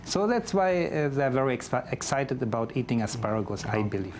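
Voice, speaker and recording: A man's voice: mid-range voice, very animated, a little mellow, a little hiss or hum. Hesitant German man speaking English. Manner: hesitant, halting English with many fillers. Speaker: chef, interview guest. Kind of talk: interview answers over a remote line.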